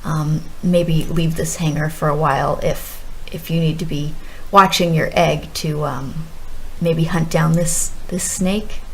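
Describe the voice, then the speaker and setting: A woman's voice: low-pitched, steady tone, a little slow, creaky, a little hiss or hum, poor audio. A woman playing a tabletop game, polite and hesitant with many ums. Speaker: player. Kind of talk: tabletop role-play.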